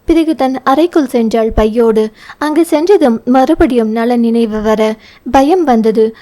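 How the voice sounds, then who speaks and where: A woman with a Tamil accent narrates a novel as an audiobook reader. Her voice sits a little high but has a dark, mellow colour. She reads narration and dialogue in much the same voice. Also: a little slow. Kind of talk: novel reading with character dialogue.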